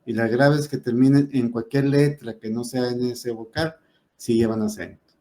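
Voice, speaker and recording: A man's voice: mid-range voice, fairly even intonation, moderate pace, dark tone. A man teaching a spoken lesson on rules, explaining step by step with frequent fillers and self-corrections.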